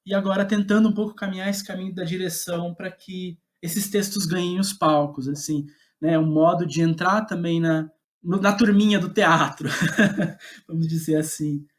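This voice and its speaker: In a steady, high-pitched voice at a normal pace, a Brazilian man, the playwright guest of an interview, discusses his working life. His delivery stays conversational and casual, with self-deprecating touches and frequent chuckles.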